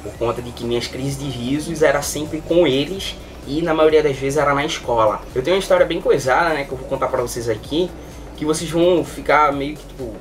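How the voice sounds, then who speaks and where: A man's voice: fairly high pitch, a little fast, background noise. A young Brazilian man chatting casually to camera as a vlogger, rambling informally with lots of filler words. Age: young adult. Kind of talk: casual chat to camera, storytelling. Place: small bedroom, indoors. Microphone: webcam or computer mic at desk distance. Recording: distant webcam mic.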